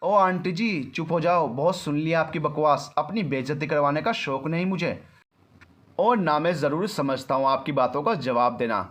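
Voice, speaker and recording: A man's voice: on the high side, normal speed, a bit bright. A man voicing an arrogant, controlling young man in a storybook reading, rude and mocking. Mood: angry shouting. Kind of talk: storybook narration.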